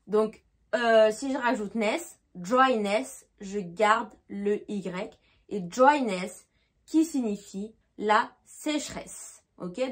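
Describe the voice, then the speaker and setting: A woman teaching English vocabulary, who repeats each example, translates it and checks with "d'accord?". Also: on the high side. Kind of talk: explaining grammar.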